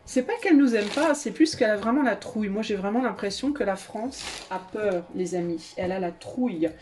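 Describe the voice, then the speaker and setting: A woman's voice: medium pitch, fairly quick, a little mellow, a little hiss or hum. Woman, tarot reader, casual and rambling, often laughing, hesitant restarts. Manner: chatty, hesitant, many fillers and restarts. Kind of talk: casual video chat.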